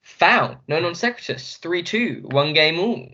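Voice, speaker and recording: A young actor playing a quick-witted player who answers questions with questions and keeps score. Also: mid-range voice, animated, pushed and bright, muffled recording, exaggerated voice. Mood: sparring. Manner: crisp, scorekeeping retorts. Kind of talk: stage dialogue.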